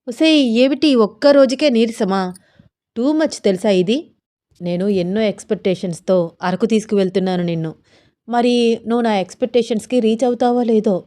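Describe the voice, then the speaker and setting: A woman's voice: on the high side, brisk, warm tone, close to an everyday voice. A woman voicing a playful, amorous young husband who teases his wife. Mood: teasing. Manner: coaxing, teasing.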